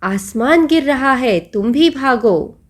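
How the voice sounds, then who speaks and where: A woman's voice: high-pitched, expressive, takes it slowly, full character voice. A woman voicing a hasty, easily alarmed male bear who calls out urgently.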